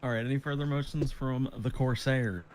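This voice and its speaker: A man's voice: mid-range voice, steady tone, moderate pace, a little mellow, slight background noise. A man presiding as judge in a game role-play, playful and self-mocking as he reads out charges.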